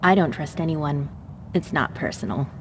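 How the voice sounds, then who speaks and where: A woman voices a poised, ambitious researcher in a video game, sounding polite, composed, confident and sure of herself. Her voice is low with lively intonation at normal speed, recorded in a large hall with a little hiss or hum.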